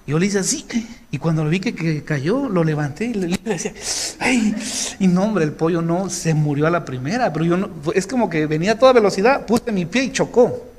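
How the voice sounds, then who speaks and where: A man giving an informal sermon to a congregation, telling personal stories with halting restarts. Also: sits high, lively intonation, a little mellow. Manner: conversational, halting restarts, laughs at his own story. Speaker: preacher.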